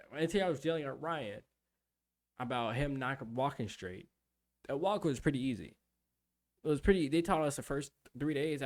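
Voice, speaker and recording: A young adult man streaming, telling a rambling, profane story in casual chat. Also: mid-range voice.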